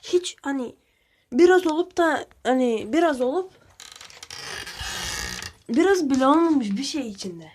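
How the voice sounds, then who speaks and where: A woman's voice: high-pitched, animated, measured pace, long pauses, darkish tone, a little hiss or hum. A woman keeping pigeons, talking viewers through her birds in a chatty, blunt way and swearing now and then. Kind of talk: casual vlog commentary to viewers.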